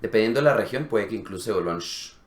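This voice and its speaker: A man's voice: on the low side, lively intonation, very fast, roomy sound. A man co-hosting a casual Spanish lesson, explaining accents and demonstrating sounds. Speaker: Spanish teacher co-host.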